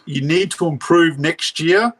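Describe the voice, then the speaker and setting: Bright, sharp-voiced Australian man. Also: on the high side, a little slow. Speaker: podcast panellist. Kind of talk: casual football analysis.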